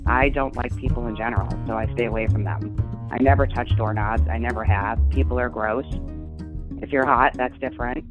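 A caller jokes in a dry, deadpan way on a voicemail. The voice comes through a tinny phone line. Clear music plays in the background. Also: medium pitch, normal speed. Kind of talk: casual voicemail.

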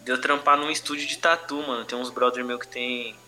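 A man from São Paulo's urban periphery in Brazil, a comedian appearing as an interview guest, casually tells personal stories podcast-style with a Brazilian Portuguese accent. He talks fairly fast in a level, sharp, medium-pitched voice, using heavy street slang and frequent conversational tags. Faint music plays behind him.

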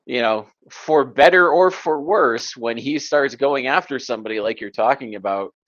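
A man co-hosting a casual sports podcast, halting and hesitant, cursing casually. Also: medium pitch, fairly bright tone, muffled recording. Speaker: podcast co-host.

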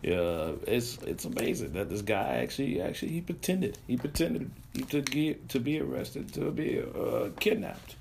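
A man's voice: mid-range voice, very animated, normal speed, vocal fry, few pauses, darkish tone, a little hiss or hum. A man hosting a casual storytelling show, rambling with many restarts and fillers, chuckling at his own stories. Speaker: podcast host telling stories.

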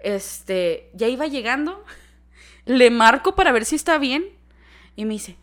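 A woman's voice: fairly high pitch, a little slow. A young woman with a Mexican Spanish accent chatting casually with a friend, cursing and laughing. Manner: profane, laughing, animated. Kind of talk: casual chat, storytelling.

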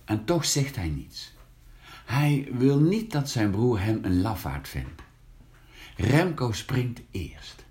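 A man reading a children's story aloud, slow and expressive, lifting his voice for the characters. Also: medium pitch.

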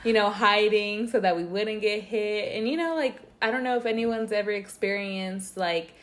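A woman's voice: mid-range voice, steady tone, normal speed, a bit bright. Laughing young woman telling stories. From United States. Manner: loose storytelling, heavy use of "like", laughs through stories. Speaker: co-host. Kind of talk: casual chat.

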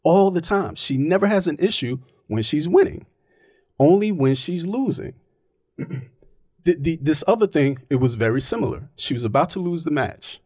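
A man's voice: a little high, lively intonation, normal speed, a little mellow, breathy edge, dry recording, clean studio sound. A man in casual, opinionated chat, arguing his point emphatically and often checking in with "right?".

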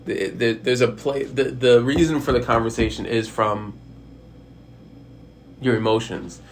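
A man's voice: medium pitch, fairly even intonation, measured pace, a little hiss or hum. A man talking casually and frankly about handling hard conversations, rambling with frequent restarts and the odd swear word. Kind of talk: casual advice monologue.

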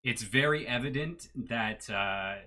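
A man's voice: medium pitch, a little slow. A man co-hosting a casual streamed interview, talking loosely with many fillers. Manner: relaxed, rambling with fillers. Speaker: co-host of a streaming channel.

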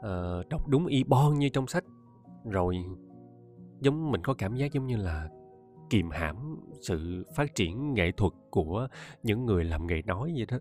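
Chatty Southern Vietnamese man, low voice. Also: animated, unhurried, a little mellow, soft background music. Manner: chatty, addresses listeners often, laughs often. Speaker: audiobook narrator and podcast host. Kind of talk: casual monologue to listeners.

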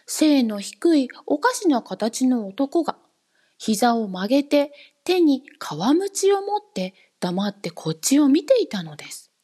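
A woman narrating a storybook in a high, animated voice that swings widely in pitch. Her tone is soft and breathy, and she reads with lively expression. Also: a little slow. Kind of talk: storybook reading.

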